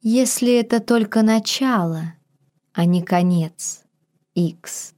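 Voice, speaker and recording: A woman reading an audiobook, voicing a nervous young woman who pleads in a breathy, slightly higher voice. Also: slow pace, dark tone, natural voice. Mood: pleading.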